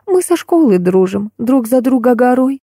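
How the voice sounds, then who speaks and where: A frail, weary old woman played by a female audiobook reader speaks in a faint, trembling voice that rustles softly. She sounds tired and pleading, a little higher than the narrator, and the recording is dry and close. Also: animated, moderate pace, husky, dry recording. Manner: tired, pleading, soft-spoken. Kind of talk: audiobook character voice.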